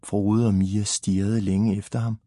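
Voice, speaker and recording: Brief: male storybook reader, mellow and husky, dry close sound. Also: fairly low pitch, little pitch movement, no echo. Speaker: narrator. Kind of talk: storybook narration.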